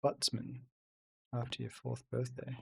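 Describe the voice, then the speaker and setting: A man gives relaxed let's-play commentary on a video game, chatting with his audience and reading and replying to their messages aloud. His medium-pitched voice is monotone and a bit bright, with vocal fry and a measured pace, over a slight hiss or hum.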